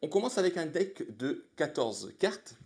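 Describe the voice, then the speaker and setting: A man's voice: on the high side, big pitch swings, unhurried, a little mellow. A man hosting a live stream, casually explaining board game rules while thinking aloud and greeting viewers. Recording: echoey room.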